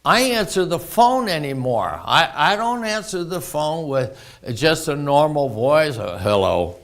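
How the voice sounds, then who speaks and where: A man's voice: a little high, sing-song, measured pace, a bit bright. A man preaching a folksy sermon full of anecdotes. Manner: folksy, anecdotal, laughs often. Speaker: pastor.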